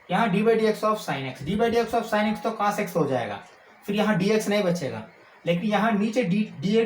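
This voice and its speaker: Male maths teacher, high voice, slow-paced explanations, roomy echo with faint background hum. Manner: checks in often with rhetorical questions; slows down to dictate formulas. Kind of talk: explaining calculus while writing. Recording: echoey room with faint ambient noise.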